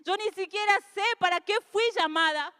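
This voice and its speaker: A woman pastor preaches in a very high voice, her words ringing out in a long hall reverb. She talks earnestly and swells into fervent, emotional calls. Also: normal speed, sharp tone. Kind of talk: sermon.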